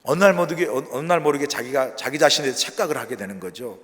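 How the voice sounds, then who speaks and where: A man preaching an early-morning sermon as pastor, earnest and animated, asking the listeners questions. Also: mid-range voice, fast, big-room sound. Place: church.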